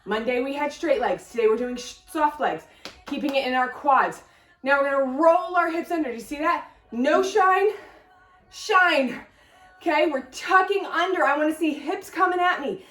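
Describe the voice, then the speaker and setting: A high-pitched woman leads a workout as the instructor, counting reps and calling out form cues in an upbeat way. She exercises along with the class as she talks. Her voice is picked up from some distance in an echoey room. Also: brisk, fairly bright tone. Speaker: fitness instructor.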